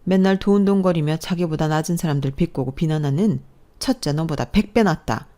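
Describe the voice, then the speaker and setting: A woman's voice: sits low, a little fast, dark tone, natural voice. A woman voicing a stern older mother-in-law in a storybook narration, with a firm, scolding manner.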